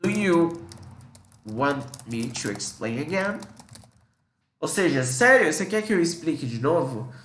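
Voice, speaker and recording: Lively Brazilian teacher in an echoey room. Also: male voice, a little high, a little hiss or hum. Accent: Brazilian Portuguese. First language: Portuguese. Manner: explains in Portuguese, models English phrases slowly. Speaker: English teacher. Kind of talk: casual online English lesson.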